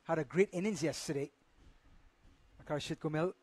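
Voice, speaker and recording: Guy doing live cricket commentary, pretty high voice, dry sound no room echo. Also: moderate pace, a little mellow, slightly rough.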